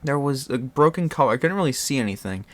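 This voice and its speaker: A man's voice: mid-range voice, fast. Man rambling through a casual personal story. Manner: rambling and self-interrupting, with animated re-enacted dialogue; often laughs while talking. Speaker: storyteller recounting own experience.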